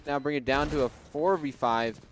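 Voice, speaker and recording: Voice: mid-range voice, moderate pace. A young adult calling esports play-by-play in a casual, playful, jokey way. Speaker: esports commentator. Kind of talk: casual live game commentary. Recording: faint background noise.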